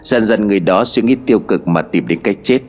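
A man voicing a stern village sorcerer who speaks in a slow, grave and knowing way, in a spoken horror story. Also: fairly low pitch, lightly acted.

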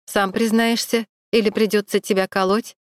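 A woman's voice: medium pitch, flat delivery, normal speed, no room sound, studio quality, lightly acted. A woman voicing a stern middle-aged police captain who questions coldly and with irony. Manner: cold, pressing, ironic.

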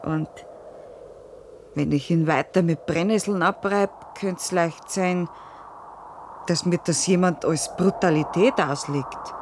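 A hard, calculating village widow. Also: female voice, fairly low pitch, slow, long pauses, a little mellow, a little hiss or hum. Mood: scheming. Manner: matter-of-fact, plotting. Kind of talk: radio play acting.

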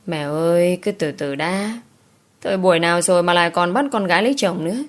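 A woman's voice: fairly low pitch, fairly quick, natural voice. A woman voicing a young unmarried daughter who coaxes and pleads with her mother. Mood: pleading. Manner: whiny, coaxing.

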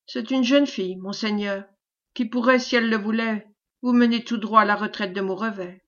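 A woman reading the lines of a servile, scheming man who flatters in a caressing, obsequious tone, in a storybook reading. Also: on the high side, moderate pace, lo-fi sound, close to an everyday voice. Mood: fawning. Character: fawning, sly male schemer, servile and unctuous.

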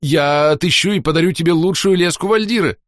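A man's voice: a little high, fairly quick, no room sound, clean studio sound, voice pushed up, close to an everyday voice. A man voicing a cowardly, sneaky male shadow spy who pleads and fawns in panic, in an audiobook. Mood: pleading.

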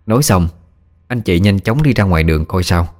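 A man narrating a ghost story in a steady, plain way. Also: deep voice, brisk.

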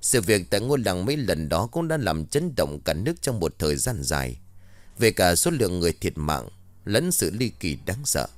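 A man narrating a scripted horror story, telling it in a lively way with dramatic swings in his voice. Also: fairly low pitch, no room sound. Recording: dry close mic with faint music bed.

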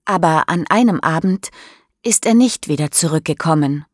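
In an audiobook, a woman with a low voice and lively intonation plays a playful teenage boy telling a spooky tale to tease his friends. She speaks at normal speed, and the clean studio sound has no echo.

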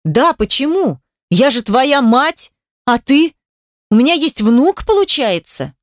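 A woman's voice: sits high, very animated, takes it slowly, no room sound, clean studio sound, pitched above the performer's own voice, exaggerated voice. A woman voicing a middle-aged mother who is pushy, defensive and reproachful on the phone with her daughter. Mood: surprised.

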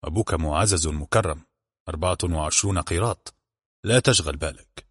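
A man's voice: a bass voice, brisk, slightly rough, no room sound, studio quality. A man reading the part of a sarcastic male police officer who talks in a blunt, mocking, offhand way. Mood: dry teasing.

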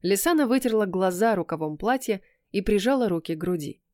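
Woman narrator, audiobook reading, expressive, close dry studio sound. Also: medium pitch, fairly quick, no echo. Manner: expressive first-person storytelling.

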